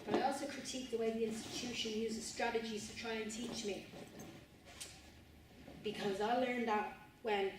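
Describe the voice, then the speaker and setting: A woman's voice: on the high side, steady tone, normal speed, long pauses. Young woman, guest speaker, loose filler-heavy chat; mic distant in a very echoey, noisy room. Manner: conversational, frequent fillers. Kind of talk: casual talk to a student group. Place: university room.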